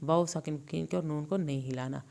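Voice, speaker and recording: A woman teaching Quran recitation rules, reciting each phrase slowly and then explaining it quickly. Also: sits low, fairly even intonation, creaky, dark tone. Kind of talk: tajweed recitation lesson.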